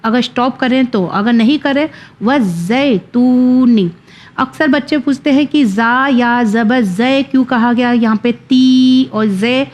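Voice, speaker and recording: A woman teaching children to read the Quran. She spells out each syllable slowly, then explains quickly. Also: a little high. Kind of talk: children's Quran reading lesson.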